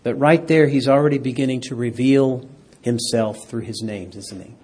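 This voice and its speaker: Teaching a Bible class, a man keeps testing his listeners with questions and calling for amens in an interactive lesson. His mid-range voice has a darkish tone and a breathy edge, delivered at a moderate pace.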